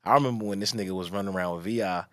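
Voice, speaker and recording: A man's voice: sits low, rapid-fire, dry recording, studio quality. A man hosting a podcast, talking loosely in slang and acting out what people said to him. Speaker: podcast host. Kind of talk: casual chat.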